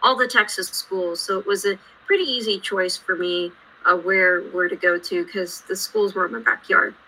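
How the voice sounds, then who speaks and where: A woman in her late twenties with a very bright, sharp voice, born in India and raised in Houston. She talks as a guest engineer on a podcast. Her delivery is measured and explanatory. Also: mid-range voice, steady tone, breathy edge, poor audio. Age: late 20s. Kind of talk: podcast interview.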